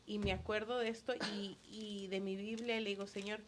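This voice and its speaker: A woman's voice: mid-range voice, little pitch movement, normal speed, slight background noise. A woman and schoolteacher leading a Bible study, sharing a personal story in an earnest, emotional way. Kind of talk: casual testimony in a Bible study.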